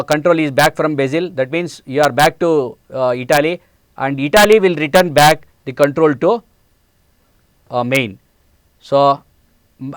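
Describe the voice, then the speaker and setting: A man's voice: on the high side, smooth, dry recording. A man in his forties with an Indian English accent, giving a programming lecture step by step with many hesitant fillers. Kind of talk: classroom lecture. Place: studio set, indoors.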